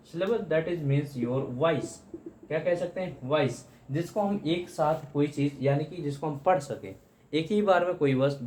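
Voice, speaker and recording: A man's voice: fairly high pitch, a little mellow, roomy sound, slight background noise. A man teaching English grammar in Hindi for exam prep, repeating key terms and often addressing students as friends.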